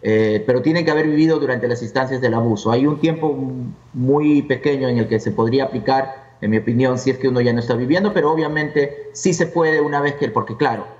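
A man's voice: mid-range voice, highs cut off. Distant, echoey man explaining. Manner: explanatory, lays out points one by one. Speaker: immigration lawyer, interview guest. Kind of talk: conversational interview.

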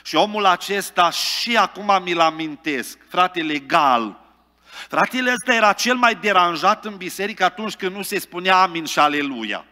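A man preaches with a high, piercing, brilliant voice, his words carrying a long reverb through a large church hall. He delivers a fervent sermon, rising at times to loud, exalted exclamations. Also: expressive. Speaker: pastor.

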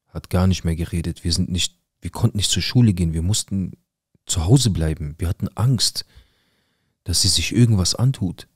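Speaking in a deep, slightly mellow and slightly rough voice, a young man shares a painful personal story with blunt, intense emotion. It's studio-quality audio with no room sound.

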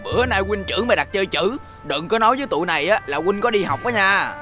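An actor playing an eager drunken village sidekick in a folk-tale drama who cheers the others on. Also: male voice, high voice, animated, fast talker. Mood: cheering. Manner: agreeable, cheering along. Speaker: drinking companion. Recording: loud music under dialogue.

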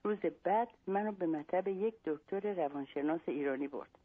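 A woman's voice: on the low side, breathy edge. A woman from Iran, a guest humor writer, reading her own comic story aloud on a radio show by phone. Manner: storytelling, wry. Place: northern California, on the phone. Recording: tinny phone line.

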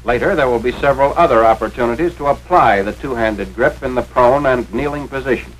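The clip is a noisy, radio-like 1940s film soundtrack. In it, an American man with a mid-range voice narrates an instructional script briskly, sounding authoritative and enunciating carefully as he walks through each step.

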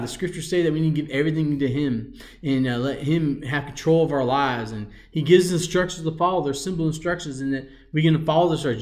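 A man teaching a children's Bible lesson and leading a prayer, earnest, with halting fillers and restarts. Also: fairly high pitch. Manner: repeats "Lord" through his prayer.

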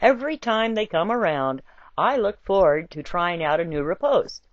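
Reading a satirical essay aloud, a woman narrates in a playful, theatrical storytelling style from a script. She has a lowish voice with lively intonation at normal speed. The recording is dry, dull and lo-fi, made at home.

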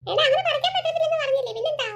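A woman's voice: very high-pitched, animated, very fast, fairly bright tone, full character voice. A fretful cartoon mother. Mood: scolding. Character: caring young mother of the family. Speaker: cartoon character.

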